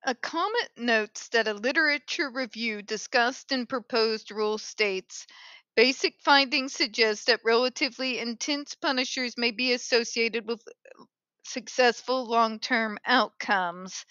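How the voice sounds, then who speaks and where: A woman's voice: fairly high pitch, unhurried, sharp tone, smooth, dry recording, highs cut off. A woman hosting an opinionated commentary show in a polished call-center phone voice, speaking in a blunt, sarcastic, emphatic way. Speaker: host of an advocacy commentary show.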